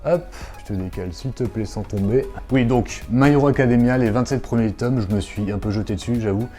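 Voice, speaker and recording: A man's voice: medium pitch, a little fast, warm tone, soft background music. A man chatting casually to his viewers in a vlog review, digressive and full of fillers as he talks them through his purchases. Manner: addresses viewers directly. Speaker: manga YouTuber.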